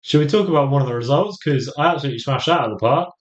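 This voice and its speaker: English male co-host, playful and ribbing, average pitch, dull lo-fi audio. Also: very fast. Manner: teasing, jokey, lively pitch swings. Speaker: podcast co-host. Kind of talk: casual chat. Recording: slightly dull lo-fi sound.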